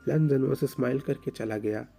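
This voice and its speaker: A man narrating a fan fiction story in a plain, steady storytelling manner. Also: mid-range voice, brisk, creaky, husky.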